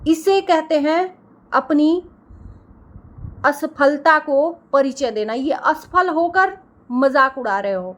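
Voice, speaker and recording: A woman's voice: high voice, takes it slowly. A woman reaction creator delivering a heated, scolding rant and repeating phrases for emphasis.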